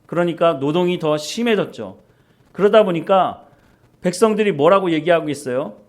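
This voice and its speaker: A man's voice: a little high, lively intonation, moderate pace. A middle-aged man preaching a sermon as pastor, asking rhetorical questions and acting out quotes.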